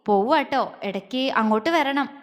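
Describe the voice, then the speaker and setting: A woman voicing a gentle, caring young man. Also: high-pitched, animated, moderate pace, in a large hall. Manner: soft, soothing, affectionate.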